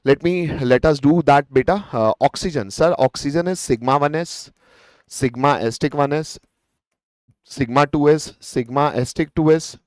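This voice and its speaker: A man's voice: on the high side, moderate pace, a little mellow, no room sound. A man with an Indian accent teaching a live online revision lesson in an encouraging, coaching manner, dropping Hindi words into his English and addressing students directly. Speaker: chemistry teacher.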